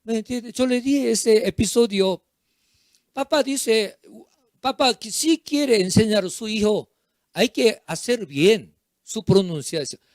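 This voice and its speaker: A pastor preaches a sermon in short, halting phrases, using simple non-native grammar and repeating himself often. His voice is high, expressive and a little mellow, recorded dry with clean studio sound.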